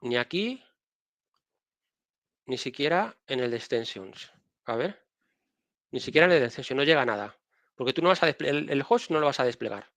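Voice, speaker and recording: Casual Spanish-accented man explaining software. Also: medium pitch, animated, moderate pace, long pauses, dry recording. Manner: casual, explains while sharing screen, frequent restarts. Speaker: guest speaker. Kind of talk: technical live-stream talk.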